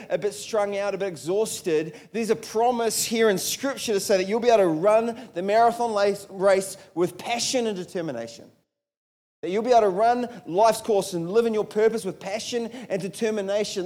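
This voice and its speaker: Speaking in a high voice with a darkish tone, a pastor from New Zealand delivers a chatty sermon in a church hall, posing rhetorical questions to the congregation and often starting sentences over. A handheld or stage microphone captures him.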